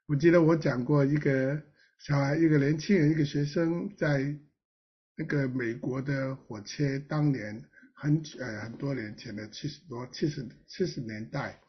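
A man preaching a sermon as pastor, earnest, with emphatic rises and soft drops. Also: a little high, breathy edge, dull audio.

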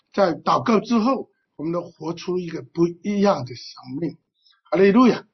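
A husky preacher delivers a sermon in a lively voice that rises and falls widely. The delivery is fervent and is broken up by frequent throat-clearing and drawn-out "ah" fillers. The sound comes through a dull, lo-fi recording. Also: medium pitch. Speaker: pastor.

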